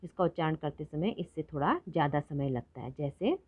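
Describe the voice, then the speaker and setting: A woman teaching children to read, explaining quickly and then drawing out each word slowly so they can repeat it. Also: low voice, animated, breathy edge, no echo. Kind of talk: Hindi phonics lesson for children. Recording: dull lo-fi recording.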